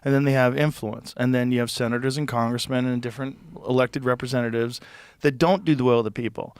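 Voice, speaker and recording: A man hosting a podcast in casual conversation, animated and profane, who often mocks people in exaggerated voices. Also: mid-range voice, fast talker, smooth, dry recording. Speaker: podcast host.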